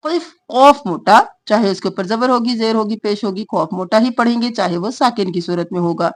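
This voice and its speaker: A woman teaching Quran recitation with tajweed, slowly drawing out each recited word and then explaining the rules in quick spoken asides. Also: mid-range voice.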